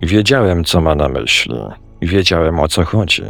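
Low, gravelly male storyteller. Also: animated, moderate pace, fairly bright tone, no echo. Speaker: narrator. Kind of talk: first-person story narration.

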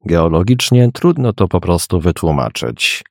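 Wary young guy in a storybook, calm and polite, read by a man in a low gravelly tone, dry sound. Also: no echo, heavily acted. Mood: guarded. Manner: polite, measured, quietly cautious. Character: young male painter, wary and composed.

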